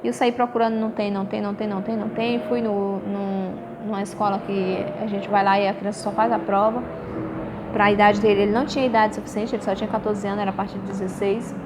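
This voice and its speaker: A Brazilian woman, a mother, telling her listeners an animated story about her children and often calling them "gente". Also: mid-range voice, noisy background. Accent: Brazilian Portuguese. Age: adult. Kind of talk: casual spoken testimony.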